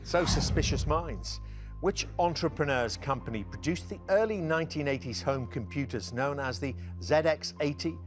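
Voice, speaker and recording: A man's voice: a little high, normal speed, soft background music. A man hosting a television quiz show, reading questions and joking with contestants between laughs. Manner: jokey, laughs between lines. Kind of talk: scripted presenting and friendly banter.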